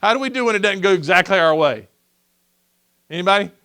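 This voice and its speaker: A male pastor with a high, clean-toned voice preaches quickly in a church sanctuary. Animated throughout, he poses questions to the congregation and voices the characters in his story.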